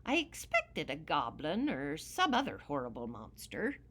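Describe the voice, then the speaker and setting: A woman voicing a grumpy little male leprechaun shoemaker with an Irish accent, narrating a storybook in a lively sing-song way. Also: sits low, a little slow, husky, voice pushed down, full character voice. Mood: grumbling. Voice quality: brogue-y dialect, very lively sing-song delivery. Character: grumpy old male leprechaun shoemaker, tiny, hoards gold.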